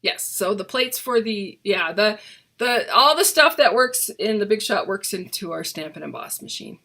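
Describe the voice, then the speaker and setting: Bright-voiced, chatty woman, hollow cave-like sound. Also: mid-range voice, lively intonation, moderate pace, creaky. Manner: chatty, rambling, enthusiastic. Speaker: crafting host and demonstrator. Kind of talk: casual live craft tutorial.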